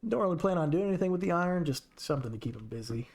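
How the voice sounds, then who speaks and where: A man's voice: a little high, lively intonation, rapid-fire, a little mellow. A man streaming a game with casual commentary, chatting to his characters as he plays.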